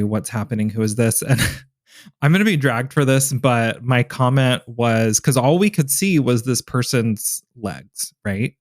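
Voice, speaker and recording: A man's voice: medium pitch, a little mellow, dry recording, studio quality. A man co-hosting a podcast, chatting in an enthusiastic, rambling, self-deprecating way. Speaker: podcast co-host. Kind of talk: casual podcast chat.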